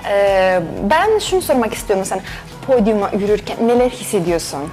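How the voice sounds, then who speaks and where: A woman's voice: mid-range voice, big pitch swings, brisk, darkish tone, faint music behind. A middle-aged woman with a foreign accent hosts a casual interview in slightly broken, non-native Turkish. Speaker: talk show host. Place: TV studio. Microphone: lapel mic.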